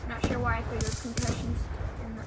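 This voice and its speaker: A woman with a slightly high, monotone voice speaks fairly quickly over heavy background noise. A gaming video creator, she offers casual, rambling, hesitant gameplay commentary, her words slurred by the braces she wears.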